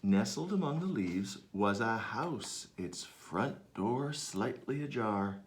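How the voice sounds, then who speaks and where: A man reading his picture book aloud to children, animated and inviting them to join in. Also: lowish voice, slow pace, a little hiss or hum. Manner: animated, asks listeners to join in. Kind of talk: interactive read-aloud for children.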